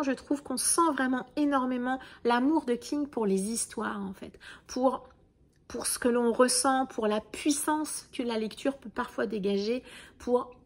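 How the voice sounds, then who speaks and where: A woman giving a casual, chatty book review, full of fillers and restarts. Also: on the high side. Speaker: book vlogger.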